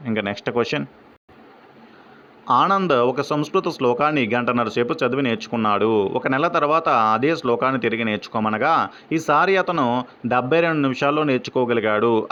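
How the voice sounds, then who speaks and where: A man works through exam questions in a revision lesson, posing each question and then answering it. His voice is smooth and resonant at a middle pitch. The recording sounds dull and lo-fi. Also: fairly bright tone. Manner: asks questions then answers them, mixes in English phrases. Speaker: exam-prep teacher.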